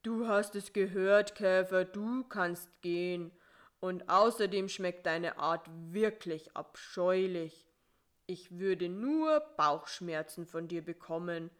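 A woman voicing a greedy, sulky male spider in a read-aloud children's story, speaking in a whiny, grumbling, drawn-out way. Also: medium pitch, lively intonation. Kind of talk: storybook reading.

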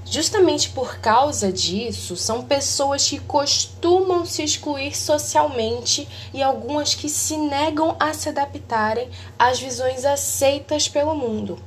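A woman with a somewhat high voice talks through a lesson, reading prepared notes and now and then stumbling and correcting herself. Her mic clips, so the sound is distorted and blown out. A faint hiss sits under her voice. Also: slow, hardly any pauses. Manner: reads a prepared explanation with small slips and self-corrections. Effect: clipping, distorted blown-out audio. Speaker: host. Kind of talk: educational explainer.

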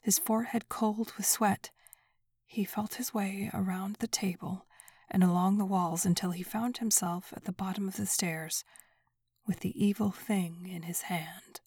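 A woman narrating a story in a soft, breathy whisper, hushed and even. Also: mid-range voice, unhurried, no room sound, studio quality.

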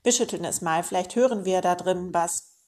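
A woman's voice: on the low side, brisk, darkish tone, natural voice. A woman voicing a boastful old male meerkat uncle in a children's storybook, talking in a pompous, self-important way.

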